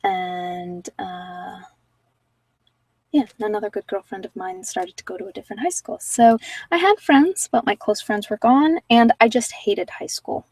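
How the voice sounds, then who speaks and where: A livestream host giving card readings chats candidly with live viewers, rambling in an informal, self-deprecating way. Her mid-range voice is unhurried and darkish, captured by a distant mic with no echo.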